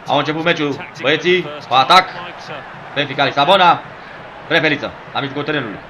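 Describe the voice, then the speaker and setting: A man commentating his own football video game match, yelling at his players and teasing them, hoarse from shouting. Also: fairly high pitch, dull audio, crowd noise. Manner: yells at his players, rhymes and teases. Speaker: gameplay commentator.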